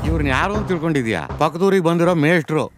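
A man's voice: on the high side, racing, close to an everyday voice. A man playing an easygoing village tea seller. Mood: placating. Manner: soothing, trying to calm tempers. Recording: film soundtrack with loud music. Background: loud film music.

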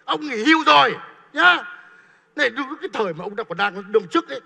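Comedy sketch: a blunt, teasing driver, high gravelly voice. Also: male voice, lively intonation, quick pace, pushed and bright, in a large hall, full character voice. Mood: grumbling. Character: cheeky male motorbike-taxi driver, blunt and mocking.

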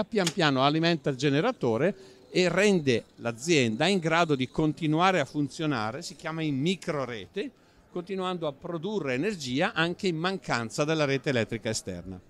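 A man with a fairly high voice walks listeners through a simulation at a trade fair stand. He explains in plain guide talk, pausing with fillers as he points things out. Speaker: company representative guide. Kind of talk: trade fair product demo.

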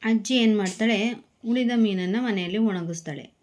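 A woman teacher reading a children's story aloud slowly and then explaining it to young pupils. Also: mid-range voice, a little mellow. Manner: slow, clear storybook reading with repeated calls.

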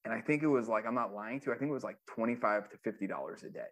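Talking very fast in a medium-pitched, fairly bright voice, this ex-music manager spins profane, filler-heavy stories in a relaxed interview. He acts out quotes as he goes.

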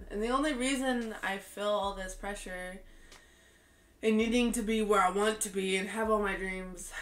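This is a late-20s vlogger with a mild cold, speaking candidly to camera from her bedroom under hanging lights. Her medium-pitched voice sounds roomy, and she talks in an earnest, expressive, slow way, laughing frequently.

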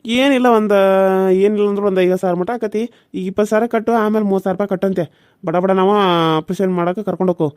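Guy doing a chill matter-of-fact village doctor, mellow voice, north karnataka kannada, cartoon. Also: high voice, fairly even intonation, rapid-fire, no room sound, studio quality, close to an everyday voice. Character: calm businesslike male village doctor. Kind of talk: cartoon voice acting.

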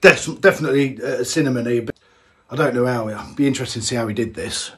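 A man's voice: mid-range voice, quick pace, a bit bright. A man, chatting casually as he tastes a homebrewed beer in a small home brewing room, thinking aloud with plenty of fillers. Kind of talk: casual tasting vlog.

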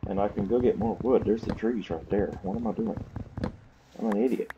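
A gaming series host from the Southern United States talks to himself in a lowish, steady voice at a fairly quick pace, rambling casually through gameplay commentary. The audio sounds dull, and the home recording is clearly noisy with clicks.

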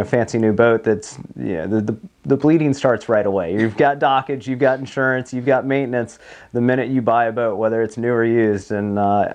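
Interviewed as a guest in a small indoor office meeting room, a marine broker in his thirties explains things conversationally. His voice is medium-pitched with a darkish tone.

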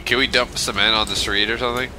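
A man joking and reacting loudly while he and a friend play a video game together. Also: mid-range voice, steady tone, fast, a little hiss or hum. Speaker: gamer. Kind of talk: casual co-op gameplay commentary.

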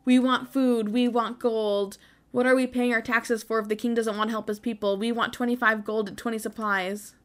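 A woman's voice: a little high, flat delivery, moderate pace, close to an everyday voice. An angry peasant mob in a medieval game, read by a woman. The demands come in blunt, rebellious declarations. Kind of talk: reading game dialogue aloud.

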